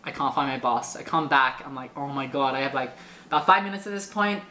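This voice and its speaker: A man telling a travel story in casual chat, animated and full of filler words. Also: mid-range voice, quick pace, echoey room, slight background noise. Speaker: guest storyteller.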